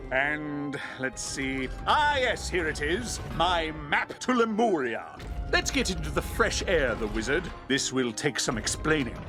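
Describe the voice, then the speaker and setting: A man playing a boastful old-fashioned explorer hero in a video game, pompous, theatrical and given to exclaiming. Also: on the high side. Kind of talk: video game character acting.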